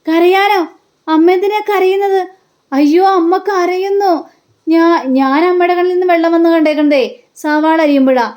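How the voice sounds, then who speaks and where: A woman's voice: very high voice, steady tone, a little fast, darkish tone, voice pushed up. A woman voicing a naive, mischievous young man who exaggerates his surprise. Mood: mock-surprised. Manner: exaggerated, wide-eyed.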